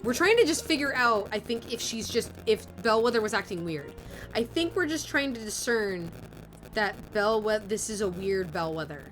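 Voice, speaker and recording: A woman voice actress live-streaming a game, thinking aloud in an animated way, swearing casually and reading lines aloud. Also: mid-range voice, moderate pace, soft background music.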